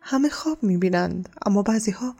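Kindly old master, gentle, breathy, storybook, voiced by a woman. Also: medium pitch, expressive, faint music behind. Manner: gentle, kind. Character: kindly older male lodge master.

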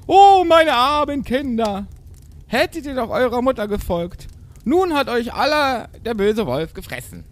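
Man voicing a mother goat, high falsetto, wailing, slow drawn-out, storybook. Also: very animated, exaggerated voice. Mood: sobbing. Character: grieving mother goat, female, anxious.

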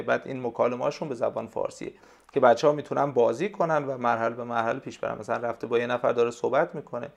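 A man with a gravelly, creaky voice at a middle pitch talks as a guest in a relaxed interview. He is a tutor explaining his work, and he gropes for words with frequent pauses and fillers. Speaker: language tutor, podcast guest. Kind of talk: casual conversational interview.

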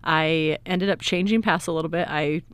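A woman in her thirties speaks as an interview guest, explaining things at length in a cheerful, easygoing way. Her voice is smooth and clear. The recording is close and dry, with no room sound. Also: deep voice, fairly even intonation, moderate pace, no echo. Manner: upbeat, laughs easily, explains at length. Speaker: guest, IT director. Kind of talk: casual interview conversation.

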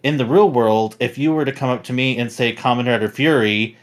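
A man in a casual podcast conversation, rambling through a critique with plenty of restarts and fillers. His voice sits at an ordinary middle pitch. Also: fairly quick. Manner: rambling, critical, self-correcting. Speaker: podcast host.

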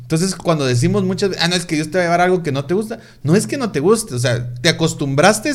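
A man talking in an animated, emphatic way, full of rhetorical questions, in a casual faith conversation. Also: high voice, quick pace.

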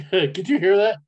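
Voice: mid-range voice, darkish tone, slightly rough. A person chatting casually while gaming, heard over a speakerphone, often trailing off mid-sentence. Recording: dull lo-fi speakerphone sound.

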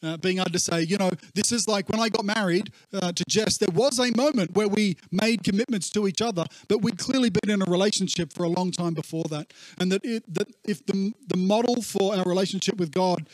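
Here a pastor with a high-pitched voice talks a little fast, drifting conversationally through an informal sermon. Nothing echoes, yet a faulty recording muffles him into a warbly, underwater gurgle.

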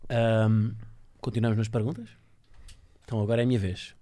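A man with a European Portuguese accent chats as a podcast host at a rapid clip. His delivery is informal and teasing, in the manner of a casual, joking interview. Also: fairly low pitch, level tone, dark tone.

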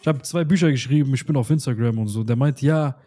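Lively young man, mellow voice. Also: mid-range voice, quick pace. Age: 20s. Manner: lively, animated storytelling with slangy asides. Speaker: podcast co-host. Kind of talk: casual chat.

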